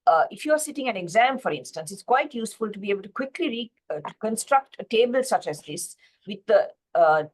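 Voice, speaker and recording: A woman's voice: medium pitch, expressive, a little fast. A woman from Sri Lanka giving a slide-based pathology lecture, explaining steadily with frequent fillers and self-corrections over a video call.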